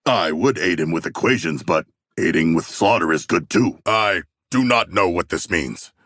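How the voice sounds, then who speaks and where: A man playing a huge humanoid shark warrior in a video game, with a gravelly, husky voice and stilted, grandiose, earnest and boastful speech. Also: deep voice, animated, moderate pace, fairly bright tone, dry recording, clean studio sound. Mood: solemn, proud. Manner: formal, stilted, grandiose declarations without contractions. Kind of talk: video game character voice lines.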